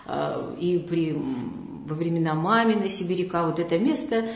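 A woman with a very low voice answers interview questions about her house museum. She speaks hesitantly and fills her pauses with many sounds. The room around her rings with a noticeable echo. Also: gravelly. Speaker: house museum staff member. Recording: roomy echo.

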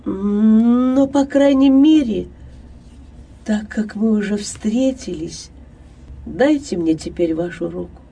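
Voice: medium pitch, slow pace, vocal fry, warm tone, slightly rough, recorded from a distance, heavily acted. A reader voicing an earnest, brave young woman who pleads tenderly and sometimes whispers her words. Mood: pleading. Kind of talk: audiobook character voice.

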